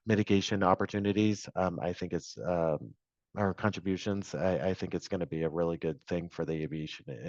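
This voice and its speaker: A man's voice: sits low, a little mellow, dry recording, lo-fi sound. A man panelist on a webinar, answering in a rambling way with many fillers, over a video call.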